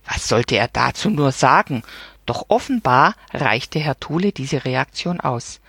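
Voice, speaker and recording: A woman narrating a children's story in a calm, even way. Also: a bass voice, measured pace, gravelly, husky, no echo. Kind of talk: audiobook reading of a children's story.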